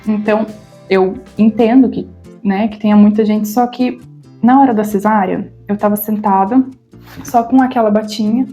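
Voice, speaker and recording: A woman in her thirties with a Brazilian Portuguese accent tells her own story to camera in a vlog, with soft music in the background. Her mid-range voice is warm and steady at a normal speed, though she gets emotional, stammers at times, and acts out the voices of people she quotes.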